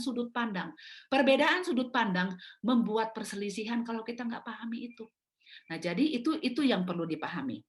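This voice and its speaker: Middle-aged woman telling lively stories. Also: fairly high pitch. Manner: lively, acts out family quarrels. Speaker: speaker at a mothers' prayer meeting. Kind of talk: storytelling talk. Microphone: video call.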